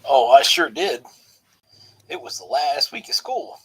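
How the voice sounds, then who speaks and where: Husky-voiced teacher in his forties. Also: a little high, measured pace, rough recording. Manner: relaxed, with filler words. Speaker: teacher and panel guest. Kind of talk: casual live stream chat.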